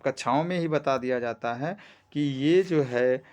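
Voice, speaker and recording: A man's voice: medium pitch, darkish tone. A man teaching a grammar lesson, explaining step by step, often checking in with "theek hai" and stretching vowels to demonstrate sounds. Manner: explains slowly with frequent "ठीक है" checks.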